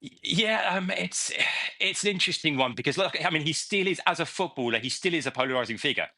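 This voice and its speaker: Fast, bright-voiced male football pundit. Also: a little high, expressive, creaky. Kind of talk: studio panel discussion.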